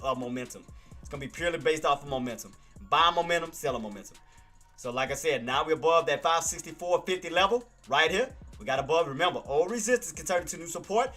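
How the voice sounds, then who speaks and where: A man's voice: medium pitch, bright, forceful tone. A man hosting a live stock trading stream, giving casual market commentary, laughing often and talking to viewers by name. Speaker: stock trading livestream host.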